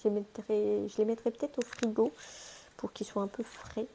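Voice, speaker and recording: A woman's voice: medium pitch, level tone, normal speed, gravelly, dark tone, a little hiss or hum. A young woman chatting casually through a shopping haul vlog, chatty and self-mocking, talking to her pets between items. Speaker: haul vlogger.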